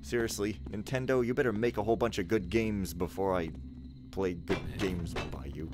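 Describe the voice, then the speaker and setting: A man's voice: on the low side, normal speed, noisy background. A man giving casual, sardonic, rambling commentary as he plays through a video game. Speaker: let's play host. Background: video game sound and music.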